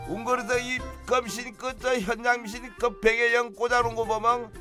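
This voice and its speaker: A man's voice: very high-pitched, little pitch movement, moderate pace, music in the background. A man playing a middle-aged Jeju husband in a radio drama skit, speaking with a Jeju accent and teasing in exclaiming banter.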